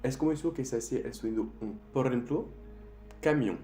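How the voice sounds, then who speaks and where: A young man with a French accent gives a language lesson, spelling words out letter by letter and repeating each sound with care. His voice is mellow and dark, at an ordinary pitch. The room is echoey, and faint music plays underneath. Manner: slow, careful demonstration of sounds. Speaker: French teacher.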